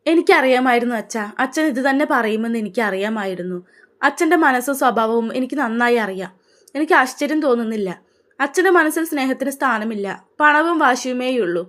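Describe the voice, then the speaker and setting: A young daughter in love, frightened yet brave, from a storybook tale, voiced by a woman narrator. She pleads earnestly in a fairly high voice. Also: lively intonation, brisk, a bit bright.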